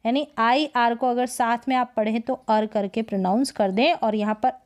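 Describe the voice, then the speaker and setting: A woman teaching English pronunciation in a spoken lesson, sounding words out slowly syllable by syllable and asking rhetorical questions. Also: fairly high pitch, steady tone. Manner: slow, drawn-out syllable-by-syllable demonstrations, frequent rhetorical questions.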